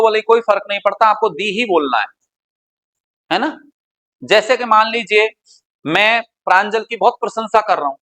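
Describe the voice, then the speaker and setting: A man's voice: sits high, fairly bright tone, rough recording. A middle-aged man teaching English grammar in a classroom, teasing students by name and mixing two languages. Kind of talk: classroom lecture.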